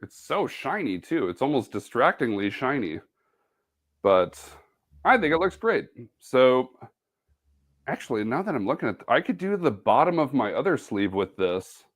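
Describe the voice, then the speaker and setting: A man's voice: mid-range voice, big pitch swings, moderate pace. A man giving a casual, chatty live-stream sewing demo, self-deprecating and humming or making little beep noises as he works. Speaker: sewing ambassador.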